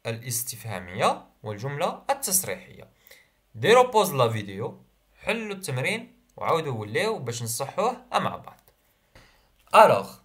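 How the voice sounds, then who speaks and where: A young male French teacher with an Algerian accent gives a revision lesson for primary school pupils. His pitch rises and falls with a lively, animated lilt. He reads each example slowly, repeats it, and then translates it. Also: slightly rough.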